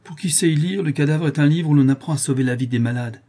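A cold, clinical doctor, dry and detached, who weighs life and death in the same even tone, as a man reading the story gives him a voice. The timbre is dark and slightly husky. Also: on the high side, fast, voice pushed up. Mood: stoic. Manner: dry, matter-of-fact, detached.

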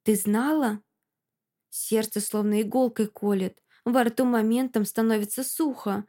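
Woman audiobook narrator, first-person, expressive, slightly high voice. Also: moderate pace.

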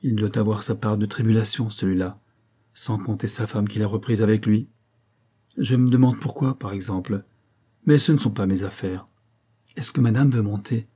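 A man's voice: on the low side, fairly even intonation, normal speed, warm tone, slightly rough. A man voicing a chatty, gullible woman concierge who gossips effusively. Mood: gossipy.

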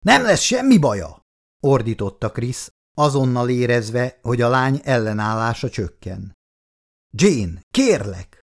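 A man narrating an audiobook in a dramatic way, acting out the characters' lines. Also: mid-range voice. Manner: dramatic, voices the dialogue.

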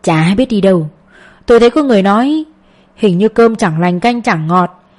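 A woman's voice: mid-range voice, lively intonation, moderate pace, darkish tone, close to an everyday voice. A woman reading an audiobook, voicing a chatty village woman who passes on rumors in a knowing, scornful way. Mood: gossipy.

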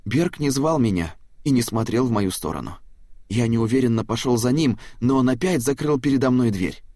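Husky, dry male audiobook narrator. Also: mid-range voice, expressive, moderate pace, mellow, dry recording. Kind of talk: scripted narration.

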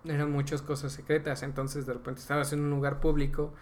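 A man's voice: a little high, level tone, brisk. A young Mexican man on a casual podcast, explaining at length and tagging nearly every phrase with a slang filler. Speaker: podcast co-host. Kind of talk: casual chat.

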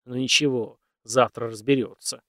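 A man narrating a story in an expressive, folksy storytelling manner. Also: mid-range voice, normal speed, no echo, studio quality.

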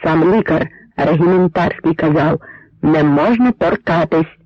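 A man's voice: a little high, a little slow, husky, no echo. A man voicing a frightened but cunning old village man who pleads and whispers with a trembling voice, on a dry, slightly muffled recording. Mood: pleading.

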